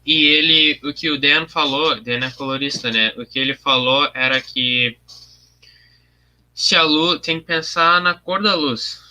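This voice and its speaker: A man's voice: fairly high pitch, measured pace, bright, forceful tone. A young man, chatting casually on a livestream while he colors his artwork, thinking aloud about his process and answering viewer comments. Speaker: artist streaming his work.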